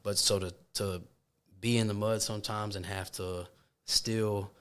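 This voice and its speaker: A man from Florida with a lowish voice speaks as a podcast guest. He talks in a relaxed, casual way, restarting phrases and calling people "man". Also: a little slow, clear, resonant tone. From Florida, USA. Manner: easygoing, repeats words while thinking, says "man" often. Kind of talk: casual interview chat.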